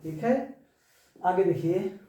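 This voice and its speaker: Male teacher with a high voice who quizzes the class and answers himself, recorded far off in a booming room. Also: slow pace, mellow, highs cut off. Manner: repeats key terms, asks and answers his own questions. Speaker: Hindi teacher. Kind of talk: classroom lesson. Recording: very echoey room, far from mic.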